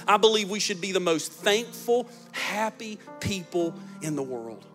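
On a big church stage, a pastor in his forties delivers a sermon through a handheld microphone, alternating between loud, forceful lines and quiet, low passages. His delivery is expressive and slightly slow, with soft music playing behind him.

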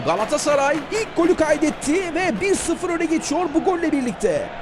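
A man giving live football commentary in an excited manner, screaming at shots and goals. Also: extremely high pitch, normal speed. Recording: loud crowd noise behind. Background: stadium crowd.

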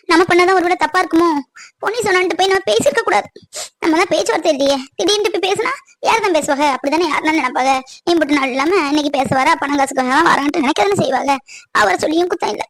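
A woman doing a tearful, gentle young woman. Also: extremely high pitch, dry recording. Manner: pleading, sorrowful. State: crying. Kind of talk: cartoon voice acting.

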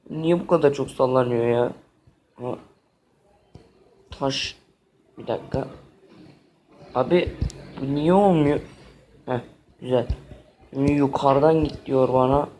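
A man's voice: on the high side, darkish tone, slight background noise. A man playing a video game and commenting as he goes, exasperated, talking both to the game and to his viewers. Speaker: gaming channel host. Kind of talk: let's play commentary.

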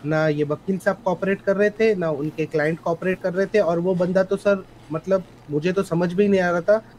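Brief: man playing a courteous, stubborn cop on the stand, slightly higher voice, headset chat. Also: fairly even intonation, normal speed, a little mellow, a little hiss or hum, low-quality recording. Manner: polite, insistent, mixes English phrases into Hindi. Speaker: police officer in a role-play court hearing. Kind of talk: in-character role-play testimony.

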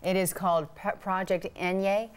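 A woman anchoring the news, introducing a segment and a reporter in a brisk, upbeat way. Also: lowish voice, steady tone, clear, resonant tone. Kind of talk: studio news presenting. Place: TV news studio.

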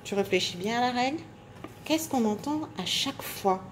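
A woman teacher giving a phonics lesson to young children, speaking slowly and clearly articulating, stretching out sounds and syllables. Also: a little high, lively intonation, slight background noise. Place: indoors at a table.

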